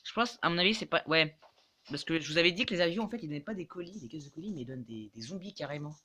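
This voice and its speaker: A man giving live gameplay commentary, excitable and swearing, yelping and shouting when in danger. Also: a little high, racing, crowd noise. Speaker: gaming YouTuber.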